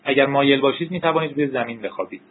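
Brief: man reading a detached older scientist, husky and calm, phone-like audio. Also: mid-range voice, lightly acted. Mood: cold. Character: older male scientist, cold and fatalistic. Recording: tinny narrow-band recording.

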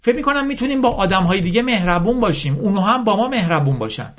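A man's voice: high-pitched, lively intonation, a bit bright, pitched above the performer's own voice. A man voicing an earnest, idealistic young girl who speaks in a hesitant, pleading way.

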